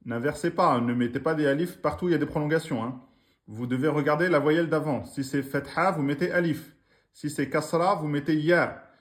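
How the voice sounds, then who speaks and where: A man's voice: a little high, fairly quick. A man teaching Quran reading in during a live online lesson, patiently sounding out syllables again and again.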